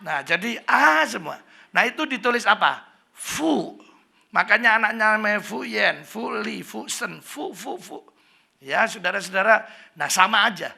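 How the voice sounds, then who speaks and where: A middle-aged pastor with a Javanese accent delivers a joking, chatty sermon and keeps putting questions to his congregation. His voice sits high for a man and has a gravelly fry running through it. The tone is very bright and sharp. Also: lively intonation, measured pace. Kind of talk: humorous church sermon.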